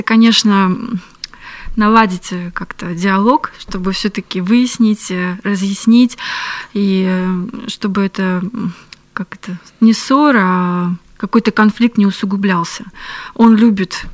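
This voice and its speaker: A woman guesting in a radio studio interview, speaking softly and earnestly with some hesitation. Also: mid-range voice, unhurried. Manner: soft-spoken, earnest, hesitant. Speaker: guest, pastor's wife.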